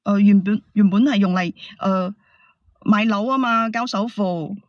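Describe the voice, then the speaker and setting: A woman phones in to a show and speaks a little slowly, defending herself hesitantly and evasively in a casual argument. The call audio is dry, dull and low-fidelity, with no echo.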